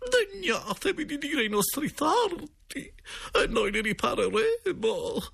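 A man voicing a tearful older woman who pleads with a spirit in a wailing falsetto, read from a storybook. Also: big pitch swings, takes it slowly, creaky, a bit bright, full character voice. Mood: tearful pleading.

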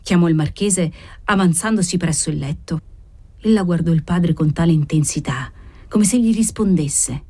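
A woman reading a dramatic novel aloud as an expressive audiobook narrator. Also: fairly low pitch, moderate pace.

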